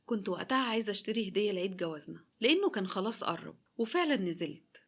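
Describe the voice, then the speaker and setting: Fast-talking Egyptian woman storyteller. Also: mid-range voice. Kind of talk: first-person story narration.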